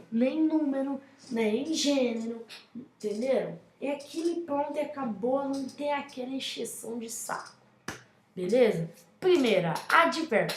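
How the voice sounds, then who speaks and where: A woman's voice: high voice, slight background noise. A young woman with a Brazilian Portuguese accent explaining grammar in a casual classroom style, often checking in with her listeners. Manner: chatty, addresses viewers with frequent check-ins. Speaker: teacher presenting a grammar lesson. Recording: echoey room.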